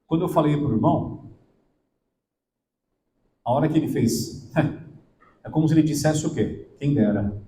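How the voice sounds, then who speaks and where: A man's voice: on the high side, a little slow, pauses often, warm tone, reverberant, slight background noise, rough recording. A man preaching a sermon to a congregation, emphatic and full of questions to the listeners. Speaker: pastor. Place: church hall.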